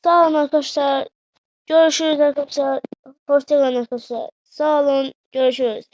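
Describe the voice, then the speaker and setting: A woman's voice: high-pitched, a little fast, no room sound, highs cut off. A woman commenting on her own mobile football game, groaning and cheering at each play. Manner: excitable, groaning and cheering at the match. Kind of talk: gameplay commentary.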